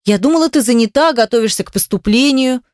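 A woman's voice: on the high side, expressive, fast, darkish tone, no room sound, studio quality, pitched above the performer's own voice, lightly acted. A woman doing a pushy reproachful mother. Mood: indignant. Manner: reproachful, defensive. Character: middle-aged mother, pushy and indignant, on the phone.

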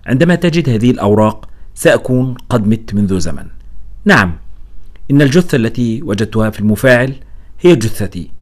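A man's voice: medium pitch, animated, fairly quick, close to an everyday voice. A man voicing a vain old male scientist who explains his experiments in a proud, lecturing letter read aloud in an audiobook. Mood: boastful. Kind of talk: audiobook reading.

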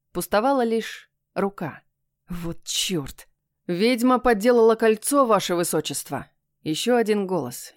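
A woman narrating a first-person fantasy audiobook in a hushed, tense storytelling manner. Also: fairly low pitch, no room sound, studio quality.

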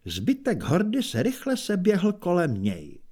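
A man narrating an audiobook with a lively, expressive reading. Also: high voice, husky.

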